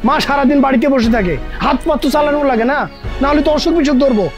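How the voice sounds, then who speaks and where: A scornful rude younger brother. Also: male voice, extremely high pitch, very fast. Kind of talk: TV drama acting. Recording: music under the dialogue.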